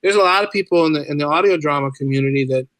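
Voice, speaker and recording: A writer and musician appears as a podcast guest, chatting casually in a conversational interview with a voice on the high side and a bit bright. He talks very fast, informally and at length, often repeating phrases for emphasis, with no room sound.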